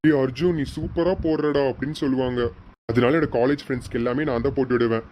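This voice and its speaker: A man's voice: mid-range voice, fairly even intonation, quick pace, a little mellow, a little hiss or hum, close to an everyday voice. A man playing a playful young groom who brags and then reassures his fiancée, in amateur serial acting. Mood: boastful. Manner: boastful, reassuring. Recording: dull lo-fi recording.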